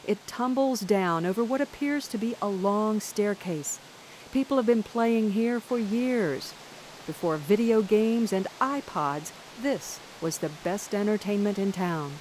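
Calm woman narrating a nature documentary. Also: mid-range voice, slight background noise, poor audio. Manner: calm, measured storytelling.

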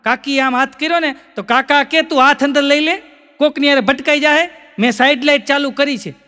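A high-pitched, bright Gujarati man spins folksy comic tales on stage. He voices both sides of every joke and repeats lines for effect. A long reverb hangs behind his voice. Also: steady tone, a little fast. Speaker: stand-up comic.

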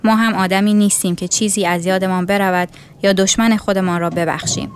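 A woman's voice: medium pitch, fairly even intonation, slight background noise, lightly acted. Menacing nasal scar-faced man voiced by a woman narrator, breathless and threatening; storybook reading.

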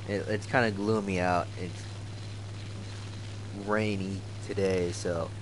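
A man's voice: low voice, steady tone, takes it slowly. A tired man giving casual, rambling commentary while playing a flight combat game, yawning and apologizing now and then. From Florida. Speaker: gamer. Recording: noisy home recording.

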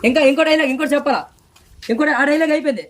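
Brief: high-pitched man, very quick, bossy director in a comedy skit. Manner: rapid, bossy, repetitive coaching. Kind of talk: comic skit, coaching an actor.

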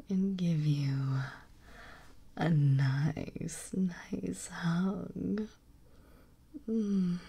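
Lady doing a slow, mellow, whispery snake mom coiling you up to sleep, teasing and calm. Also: low voice, slightly rough, full character voice. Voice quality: soft whispering. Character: motherly snake woman coiling the listener to sleep. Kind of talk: ASMR role play.

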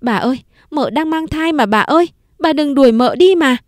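A woman's voice: on the high side, sing-song, brisk, a little mellow, no room sound, studio quality, voice pushed up. A woman narrator voicing a young, loyal servant girl who pleads tearfully. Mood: pleading.

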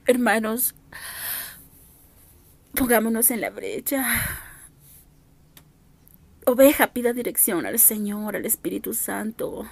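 High-voiced woman preaching fervently. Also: vocal fry, dry recording. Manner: fervent, pleading, repeats appeals. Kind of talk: recorded prophetic exhortation. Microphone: self-recorded audio message.

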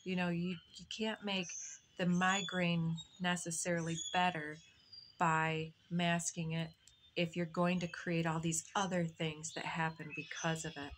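A woman giving a meditative spiritual talk as a reader, channeling in a slow, meandering way and searching for her words. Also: on the low side, little pitch movement, noisy background.

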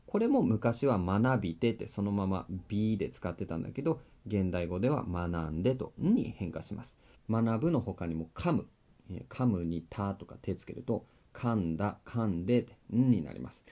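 Male video-lesson teacher, mellow low voice, friendly step-by-step explainer. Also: animated, moderate pace. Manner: friendly explaining, asks the viewer questions; writes on a board while talking.

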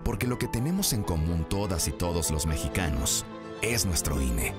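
Deep, lively male ad announcer over loud music. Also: moderate pace. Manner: rhythmic and emphatic, building up through a list. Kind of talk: scripted ad voice-over.

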